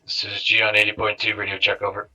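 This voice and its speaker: A man calls out clipped radio checks and replies, his voice coming over a distant in-game radio. It sits low in pitch but cuts through sharp and bright. He keeps it loud and terse, in strict military procedure. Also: completely flat delivery, fast, faint music behind. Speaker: squad teammate making radio checks.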